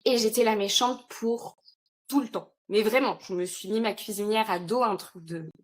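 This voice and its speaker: A woman in a casual podcast conversation, talking about her work in a lively, chatty way with frequent fillers and laughs. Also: mid-range voice, normal speed. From France. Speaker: founder of an entrepreneur retreat, podcast guest.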